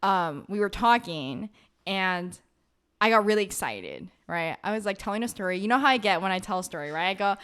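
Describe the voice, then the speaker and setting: A young woman co-hosting a podcast, chatting casually and telling personal stories in an excitable, giggly way. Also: mid-range voice, fairly quick. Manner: excitable, giggly, animated storyteller. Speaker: podcast co-host. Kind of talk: casual chat, personal storytelling.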